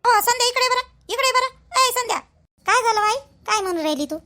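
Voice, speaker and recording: A woman playing a bossy, sharp-tongued mother-in-law, calling out orders. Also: lively intonation. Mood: bossy, busy. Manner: calls out orders, quick and shrill.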